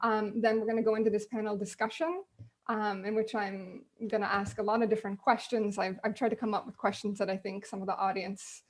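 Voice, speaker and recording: A woman's voice: medium pitch, little pitch movement, fairly quick. A woman hosting a casual online panel on a video call, talking loosely and filling gaps with ums. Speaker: host.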